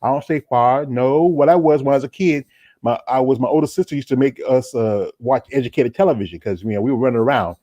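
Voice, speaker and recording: A man from North Carolina hosts a casual MMA talk show, rambling and restarting his sentences. His voice is dark and mellow, and the sound is dry and close. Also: mid-range voice, fast, no room sound. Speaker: podcast host.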